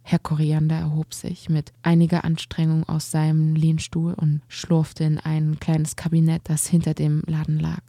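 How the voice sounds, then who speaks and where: Female audiobook narrator, calm and measured, dark mellow voice, dry booth sound. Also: low-pitched, gravelly, no echo. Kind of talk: scripted storybook narration.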